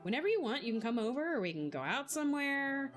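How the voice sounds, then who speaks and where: Shy, bashful teen girl, soft and hesitant, lower than her usual voice, a woman voicing her for a game reading. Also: big pitch swings, quick pace, soft background music.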